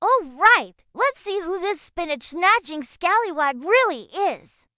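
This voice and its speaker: A hearty, gruff old sailor man, as a woman narrator puts him on in a kids' storybook, talking like a salty pirate. The voice sits very high and bright, recorded dry and close with no room around it. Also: very animated, measured pace, dry recording, exaggerated voice. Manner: pirate-style sailor talk.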